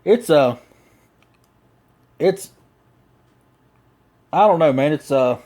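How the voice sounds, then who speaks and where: Speaking extremely slowly in a mellow, slightly high voice, a Southern-drawling man gives an offhand product review with his lower lip full of dip. He stays animated throughout, rambling in a down-home, slang-rich manner.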